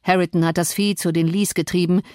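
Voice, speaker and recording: A woman's voice: lowish voice, steady tone, brisk, darkish tone, dry recording, clean studio sound, natural voice. A woman reading an audiobook, voicing a brooding, cruel male landowner who gives cold, sarcastic commands. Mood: mocking.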